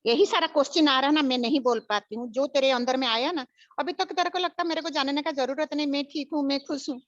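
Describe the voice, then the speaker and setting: A woman's voice: sits high, fast talker, no echo. An older woman giving a spiritual teaching, emphatic and repetitive, mixing English phrases into her talk. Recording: dull lo-fi recording.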